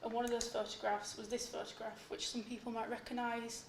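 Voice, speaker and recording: A woman's voice: a little high, little pitch movement, fairly quick, gravelly. A young woman giving an academic conference presentation about her research as a PhD student. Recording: echoey room with faint noise.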